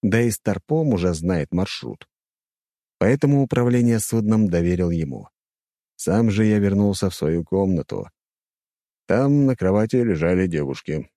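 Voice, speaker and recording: A man reads a first-person fantasy audiobook in a low, mellow voice. His pitch moves in a lively way across his lines. The recording is dry and close, with no room sound. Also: normal speed, dry recording. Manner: expressive storytelling. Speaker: audiobook narrator. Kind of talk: scripted first-person narration.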